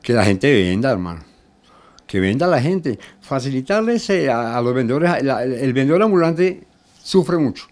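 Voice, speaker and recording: A man in his sixties with a Colombian accent, answering casually and colloquially in an interview, often halting and repeating words. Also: mid-range voice, very animated, darkish tone. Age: 60s. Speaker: interviewee, street crier and announcer. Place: small home studio room. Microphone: handheld reporter microphone.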